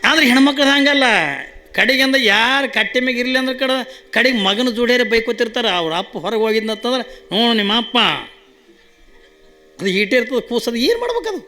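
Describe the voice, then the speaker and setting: A man with a North Karnataka accent, telling comic folk stories in a playful, animated way and acting out each character. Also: extremely high pitch, a little fast. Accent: North Karnataka Kannada. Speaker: comic storyteller. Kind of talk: folk comedy storytelling.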